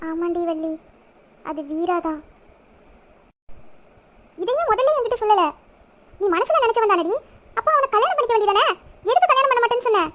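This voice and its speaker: A woman voicing a caring, protective young village woman who questions her friend briskly and affectionately. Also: very high voice, lively intonation, fairly bright tone. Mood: bewildered. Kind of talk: Tamil village audio drama.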